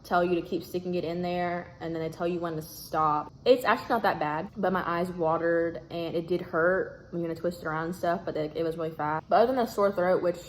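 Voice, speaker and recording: A woman's voice: lowish voice, steady tone, fairly quick, few pauses, poor audio. Young woman vlogging casually over background noise. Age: young adult. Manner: informal, slangy, rambling. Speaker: student vlogger. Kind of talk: casual chat to camera. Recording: noticeable background ambient noise.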